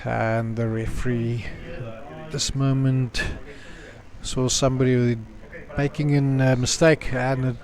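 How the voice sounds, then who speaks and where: A man's voice: mid-range voice, little pitch movement, takes it slowly. A man with a South African accent giving live commentary on a youth match, reading out team lists and sponsors. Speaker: sports commentator.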